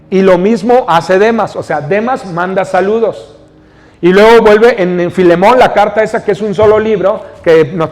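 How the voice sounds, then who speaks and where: A man's voice: high voice, darkish tone, big-room sound. A male pastor with a Mexican Spanish accent preaching a sermon in a church, reading scripture and explaining it with questions to the congregation. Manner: teaching, reads scripture then explains, asks the congregation questions. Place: church hall.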